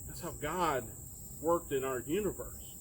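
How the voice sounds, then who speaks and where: A man acts the part of a friendly Bible patriarch telling stories to children, chatting along and asking his young listeners questions in a gentle, earnest way. His natural voice sits a little high and moves a little slowly. The low-quality recording was made outdoors among trees and plants, with clear insect noise around him.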